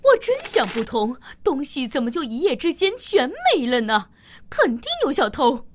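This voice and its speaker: A woman's voice: high voice, sing-song, moderate pace, a little hiss or hum. A woman voicing a dramatic, distraught café owner in a children's cartoon, pleading and theatrical. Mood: baffled. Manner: melodramatic, pleading. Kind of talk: animated children's cartoon dub.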